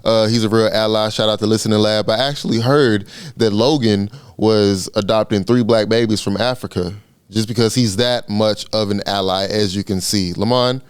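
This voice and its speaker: A man co-hosting a casual comedy podcast, his voice low and smooth. He delivers jokes in a deadpan way, then breaks into bursts of laughter. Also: normal speed. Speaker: podcast co-host.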